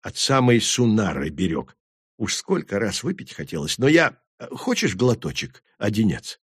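A man's voice: sing-song, moderate pace, breathy edge, no room sound, clean studio sound. A man reading an audiobook, voicing a small, eager male root creature in a raised, bashful voice. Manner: eager, bashful, high-pitched.

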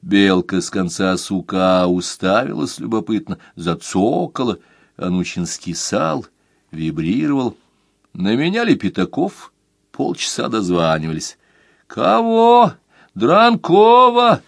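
Slow, expressive male audiobook narrator. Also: low voice, vocal fry, breathy edge, no room sound, clean studio sound. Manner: measured, expressive storytelling. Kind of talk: scripted narration.

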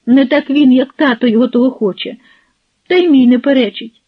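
A woman's voice: sits high, a little fast, voice pushed up. A woman voicing a frightened, pleading young village girl in an audiobook. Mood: distressed. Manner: emotional, pleading. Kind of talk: audiobook character voice. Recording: husky, phone-like, dry.

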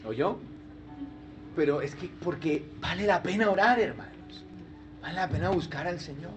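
Lively high-voiced male pastor preaching. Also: normal speed, faint music behind. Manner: lively, humorous preaching with rhetorical questions. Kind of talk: sermon.

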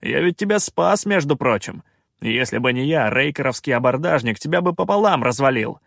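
A man's voice: mid-range voice, sing-song, moderate pace, vocal fry, a bit bright, dry recording, studio quality, exaggerated voice. A man voicing a cocky, sarcastic male pirate captain who snaps back with irritated scorn. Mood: scornful. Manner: scornful, irritated, coolly offhand.

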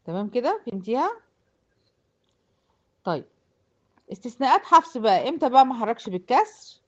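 Egyptian woman teaching a class, high voice, brisk delivery, keeps checking her students follow, dull lo-fi sound. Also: very animated, darkish tone. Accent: Egyptian Arabic. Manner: explains step by step and checks often that students follow. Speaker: Quran recitation teacher. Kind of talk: explanatory lesson to a class of girls.

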